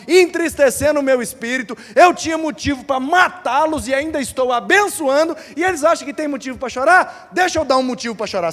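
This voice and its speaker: A man's voice: very high-pitched, a bit bright, voice pushed up. A man voicing an exasperated God rebuking a rebellious people, declaiming indignantly. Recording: reverberant church hall.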